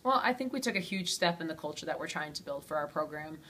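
A woman head coach answering postgame questions in a steady way, with frequent ums and you-knows. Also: low-pitched, quick pace, a little hiss or hum. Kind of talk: postgame interview.

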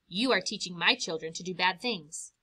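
A woman voicing a strict mother bird in a storybook, scolding loudly in a shrill, high voice. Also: normal speed, husky.

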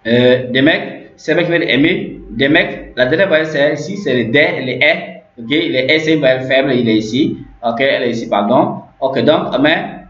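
A man's voice: mid-range voice, normal speed, few pauses, fairly bright tone. A man teaching a language lesson who explains step by step, repeats each example and often checks in with "ok?". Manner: repetitive, checks in with "ok?" and "n'est-ce pas?". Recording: roomy, dull lo-fi sound.

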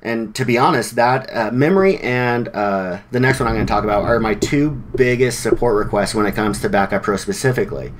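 A man's voice: on the low side, brisk, few pauses, background noise. A man giving a casual, conversational presentation to a developer meetup, with informal slang and frequent restarts. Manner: conversational, with many fillers and restarts.

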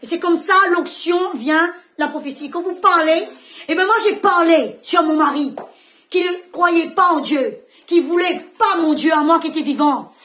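A woman pastor preaches with fervour at a church service. Her voice sits high, and she hammers her points home by repeating short phrases. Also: normal speed, a bit bright. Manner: emphatic, repeats phrases for effect. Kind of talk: fervent sermon.

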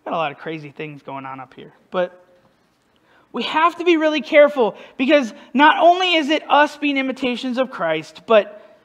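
Male pastor with a high, light voice; casual, self-deprecating sermon delivery. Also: a bit bright. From northern United States. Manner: conversational, self-deprecating, asks the congregation questions.

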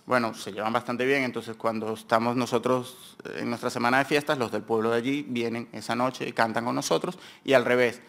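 A man's voice: medium pitch, fairly even intonation, brisk, gravelly, hardly any pauses, a bit bright. A man with a Peninsular Spanish accent giving an academic conference talk in a university seminar room, rambling informally and correcting himself as he goes. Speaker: conference speaker presenting research.

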